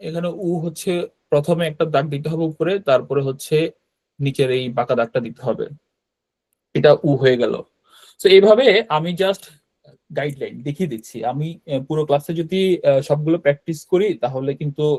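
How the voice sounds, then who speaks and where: A man with a somewhat high voice leads a live online class. He walks through each point patiently, pausing often with fillers as he goes. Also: a little mellow. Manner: explains step by step with many hesitations. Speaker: language teacher.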